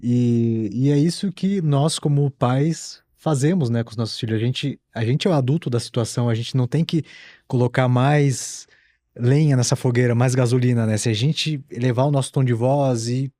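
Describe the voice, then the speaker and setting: Guy hosting a podcast, warm mellow voice, easygoing, dry close mic. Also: mid-range voice, normal speed, dry recording. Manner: relaxed storytelling with fillers and restarts. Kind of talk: casual podcast chat.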